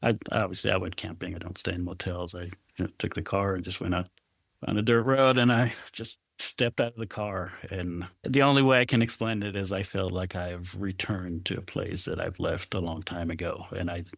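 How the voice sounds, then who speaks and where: A middle-aged photographer from Israel, the guest in a reflective conversational interview, tells stories thoughtfully and laughs often. His voice sits low, with a steady tone, a creaky quality, and a moderate pace, and there is no echo.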